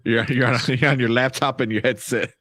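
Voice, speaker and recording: A man's voice: mid-range voice, fairly even intonation, a little fast, a bit bright. A man hosting a livestream in a casual, chatty style. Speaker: livestream host. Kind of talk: casual chat.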